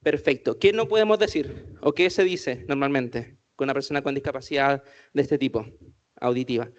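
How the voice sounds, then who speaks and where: A man's voice: medium pitch, moderate pace. A man giving an inclusion workshop to a group, asking the audience many questions as he goes. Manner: asks the audience many questions, says "¿cierto?" often. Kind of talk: interactive talk to a group.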